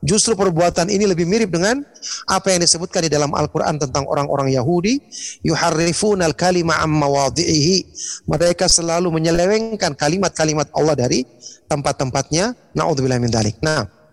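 Male ustadz, high voice, echoing hall sound, lectures with rhetorical questions, clears throat often. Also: fairly quick. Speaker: Islamic teacher. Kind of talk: online religious lecture with Q&A.

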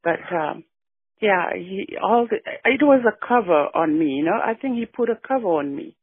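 A woman in her sixties from Fiji, reminiscing in a relaxed radio interview, often adding yeah as she goes. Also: mid-range voice, moderate pace, slightly rough, no room sound. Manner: warm, reflective storytelling with frequent yeahs. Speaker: guest. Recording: dry phone-like radio line.

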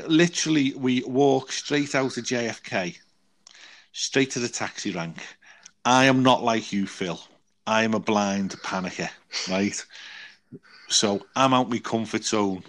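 Man telling a travel story. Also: fairly low pitch. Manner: animated storytelling with quoted voices, swears. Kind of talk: casual chat.

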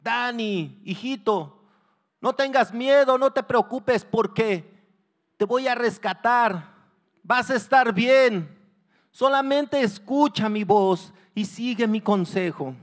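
A man's voice: very high voice, slow, pitched above the performer's own voice. A man voicing a brave father calling urgently to his trapped son, reassuring him over and over.

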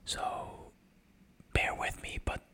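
Male podcast host, casual, whispering low and quiet as if late at night. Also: takes it slowly.

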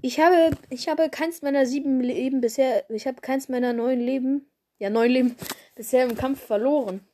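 A woman voicing a battle-hardened male cat who leads his clan, speaking in a gruff, commanding way. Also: sits high, moderate pace, dark tone, pitched above the performer's own voice. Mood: boastful.

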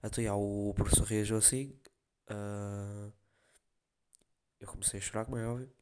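A man's voice: fairly low pitch, steady tone, normal speed, dark tone, smooth. A young man with a European Portuguese accent, rambling in slangy casual chat as a podcast host. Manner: slangy, rambling storytelling with many fillers.

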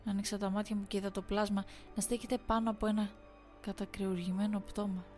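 A woman narrates a first-person horror story in a steady, even reading voice. Now and then she turns to speak to her listeners directly, with faint music playing behind her. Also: mid-range voice.

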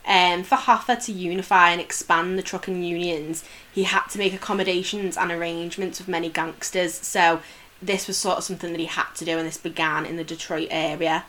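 Woman podcast co-host, lower-pitched voice, chatty and easygoing storyteller. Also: steady tone, fairly quick, fairly bright tone. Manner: chatty storytelling, laughs easily. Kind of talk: casual chat.

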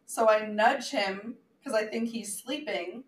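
A woman co-hosting a podcast, telling an animated story in casual chat and acting out quotes. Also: mid-range voice, measured pace, reverberant, far from the mic, poor audio. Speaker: podcast co-host.

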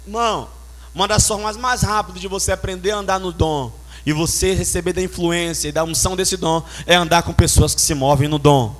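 Male pastor, high voice, punchy sermon delivery with vocal sound effects. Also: fairly even intonation, a little fast. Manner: emphatic, storytelling with sound effects.

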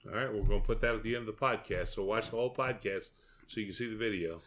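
A man's voice: fairly low pitch, quick pace, a bit bright. A middle-aged man with a Southern US accent and a folksy drawl, chatting casually as a podcast co-host. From southern United States.

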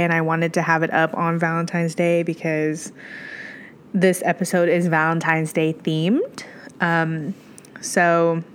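A woman's voice: lowish voice, a little hiss or hum. A young woman with a congested, stuffy-nosed voice chatting informally on a solo podcast, rambling and often interrupting herself. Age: young adult. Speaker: podcast host. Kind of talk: casual solo podcast chat.

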